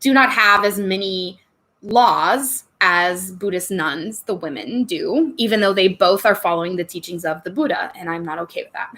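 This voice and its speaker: On a casual live chat stream, a woman sips wine, jokes about getting tipsy, and answers viewer questions with frequent laughter. Her voice is mid-range and pushed, with a bright quality and a moderate pace. She comes across as giggly and chatty.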